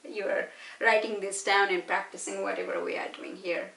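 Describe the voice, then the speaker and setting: Her voice sits mid-range, a bit bright, at a moderate pace: a woman from Nepal, Nepali-accented, lecturing informally on physics. She explains by posing questions and checking often that listeners follow. It was captured by a distant mic in an echoey room.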